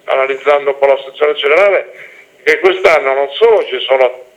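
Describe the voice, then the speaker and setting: A man speaking as a football club director on a radio call, measured and halting, often repeating his words. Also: medium pitch, muffled recording. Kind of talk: phone interview about football.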